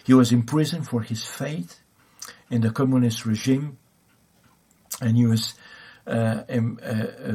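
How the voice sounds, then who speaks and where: A man's voice: mid-range voice, mellow, husky. A man preaching a sermon, hesitant, with many fillers and restarts.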